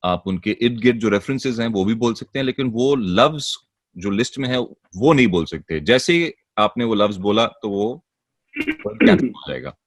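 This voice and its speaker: A man hosting a celebrity game show, switching smoothly between Urdu and English. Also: lowish voice, animated, normal speed, dry recording. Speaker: talk show host.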